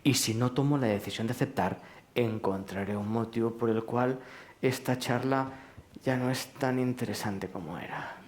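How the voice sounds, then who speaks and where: A man giving a live talk to an audience in a large hall, speaking in a questioning, rhetorical way and gently teasing his listeners. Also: mid-range voice, moderate pace, slight background noise. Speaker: speaker at a public lecture. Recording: roomy hall echo.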